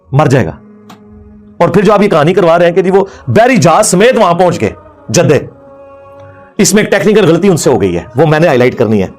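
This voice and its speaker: A man giving a religious lecture, mocking his opponents and laughing as he argues. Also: high voice. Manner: mocking, laughs while arguing. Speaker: Islamic scholar.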